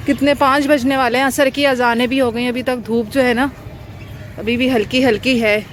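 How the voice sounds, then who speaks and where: High-voiced Pakistani mother in a noisy park. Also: steady tone, moderate pace. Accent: Pakistani Urdu. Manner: coaxing and scolding her children while narrating. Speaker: mother vlogger. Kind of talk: casual vlog narration to camera. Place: outdoor city park. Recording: noisy outdoor park recording.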